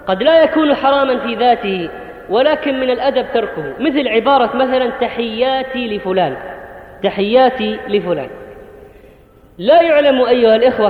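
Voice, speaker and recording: Man giving a friday sermon, super high voice, tinny lo-fi sound, big echoey mosque. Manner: earnest, instructive, addresses the congregation directly. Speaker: preacher.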